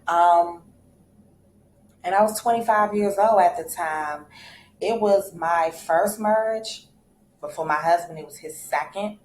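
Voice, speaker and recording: A woman in her thirties with a low voice tells a personal story in a candid, reflective way. She talks casually, with fillers and false starts. The room sounds echoey, with a faint hum of ambience. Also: a little slow, pauses often, a little mellow. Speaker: vlogger telling her story.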